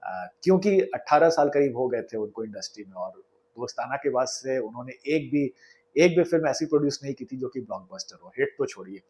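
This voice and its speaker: A man's voice: medium pitch, expressive, fairly quick, darkish tone. A man telling behind-the-scenes film stories in a chatty, conversational way, retelling anecdotes with quoted dialogue and occasional hesitations. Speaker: storyteller host. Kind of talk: conversational storytelling.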